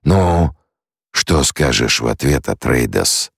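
Audiobook villain: a scheming male shapeshifter, slow taunting bargainer, read by a man with a very deep, dry voice. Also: lively intonation, vocal fry, breathy edge, no echo, full character voice. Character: cunning male face dancer, scheming menace.

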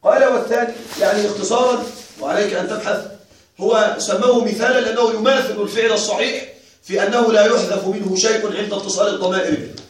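A male teacher giving a classroom grammar lecture, repeating and drilling examples slowly and quizzing his students. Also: high voice, steady tone, slight background noise. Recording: very echoey room, mic far off.

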